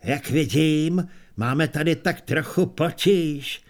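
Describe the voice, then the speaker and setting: A man voicing an elderly barbarian hero who speaks slowly and declaims his lines. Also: fairly high pitch, lightly acted. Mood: grumbling.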